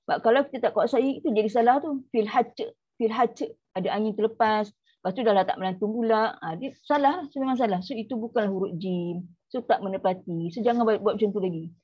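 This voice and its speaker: A woman's voice: medium pitch, quick pace, husky, highs cut off. A woman with a Malaysian Malay accent teaching a tajwid class, explaining firmly and repeating sample sounds. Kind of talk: online Quran recitation class.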